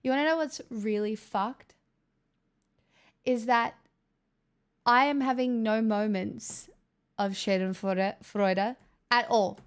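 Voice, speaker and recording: A young woman hosts a livestream, reading chat messages aloud and answering viewers with casual jokes and the occasional swear word. Her smooth, clear voice sits a little higher than most and keeps a steady tone. She speaks slowly, with long pauses.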